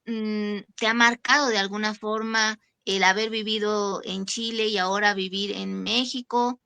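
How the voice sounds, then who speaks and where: A woman's voice: mid-range voice, fairly even intonation, a little slow, gravelly, sharp tone, clear, resonant tone, dry recording. A woman hosting an interview, putting several questions to her guest one after another with brief hums between them. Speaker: host.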